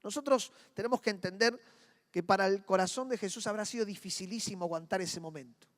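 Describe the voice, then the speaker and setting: Rioplatense pastor preaching in a reverberant hall. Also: male voice, high voice, quick pace. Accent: Rioplatense Spanish. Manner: dramatic, acts out inner voices and swings between soft and loud. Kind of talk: sermon.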